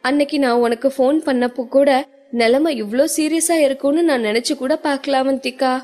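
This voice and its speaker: A woman's voice: sits high, steady tone, fairly quick, a little mellow, soft background music, lightly acted. A woman voicing Madhu, a young woman pleading through tears. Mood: upset complaining. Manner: pleading, sobbing between words. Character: panicked young woman, tearful, begging her friend.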